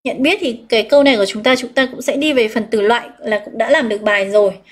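Vietnamese woman teacher, slightly high voice. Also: fairly even intonation. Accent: Northern Vietnamese. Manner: explains step by step, reads out students' answers, drawn-out key words. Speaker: English teacher. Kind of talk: live online exam review lesson.

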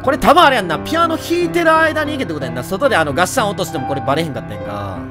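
A man with a Kansai accent giving jokey, animated running commentary on a horror game and talking to its characters. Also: high-pitched, rapid-fire, over music. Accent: Kansai Japanese. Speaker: let's play host.

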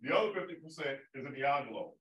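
In an observatory lecture room, a man gives a conversational public astronomy talk, frequently checking in with "right?". His mid-range voice is animated, very fast, and a bit bright, and the lo-fi recording picks up roomy hall sound from a distance.

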